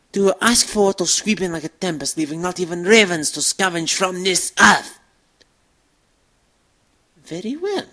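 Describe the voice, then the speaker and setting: A woman voicing a gleeful, fanatical vampire military commander giving a grandiose, theatrical villain speech in a fan dub, with a husky voice. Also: on the low side, fairly bright tone, exaggerated voice. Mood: goading. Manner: grandiose, savoring, emphatic oratory. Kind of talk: theatrical dramatic villain monologue, rallying speech.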